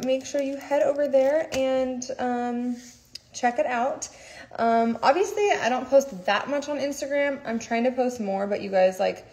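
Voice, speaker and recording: Young woman w a little lisp rambling on a phone live stream, kinda high voice, laughs a lot. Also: darkish tone. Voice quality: slight lisp from aligners. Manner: chatty, rambling, laughs often. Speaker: social media creator. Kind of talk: casual livestream chat to followers. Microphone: phone held close, livestream.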